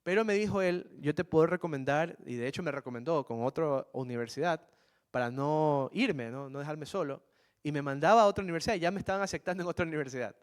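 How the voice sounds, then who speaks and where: A man's voice: a little high, fast, clean tone. A middle-aged man from Ecuador, a guest speaker telling a personal story to students in an earnest manner, repeating key phrases and calling them "jóvenes".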